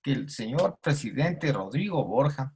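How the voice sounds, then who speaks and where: A man's voice: mid-range voice, expressive, unhurried, vocal fry, darkish tone, a little hiss or hum. A man telling a personal anecdote during a panel discussion, acting out the voices of the people in it. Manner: anecdotal, acts out quoted voices. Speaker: audience participant.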